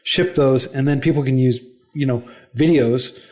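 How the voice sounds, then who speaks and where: A native English-speaking man, head of a coding non-profit, is the guest on a casual podcast interview. His voice is medium-pitched and a little mellow, at a moderate pace, and he chats and explains at length, peppering his speech with "like" and "you know".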